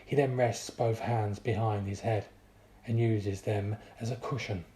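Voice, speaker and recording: A man narrating a first-person story in a steady, descriptive reading. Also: lowish voice, a little slow, a little hiss or hum. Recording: roomy echo.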